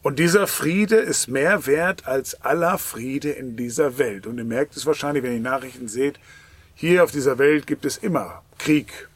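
A man's voice: medium pitch, normal speed, slightly rough. A man preaching a sermon, emphatic, often dropping to a whisper at the end of a phrase.

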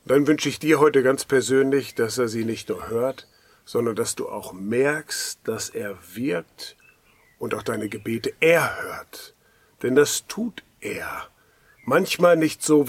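A man giving a daily devotional sermon as a pastor, earnest and pastoral, often dropping to a hushed whisper. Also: medium pitch, measured pace, dry recording.

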